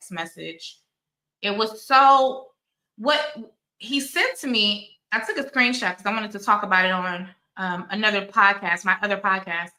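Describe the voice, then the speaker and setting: A woman in her forties who hosts her own channel delivers casual, candid commentary, wandering into asides as she tells stories. Her voice is mid-range, bright and forceful, captured on a rough recording in an echoey room.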